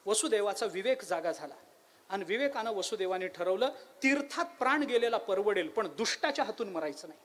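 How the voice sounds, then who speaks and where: A male preacher giving a devotional kirtan sermon, with animated storytelling, rhetorical questions and chanted verses. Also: high voice, brisk.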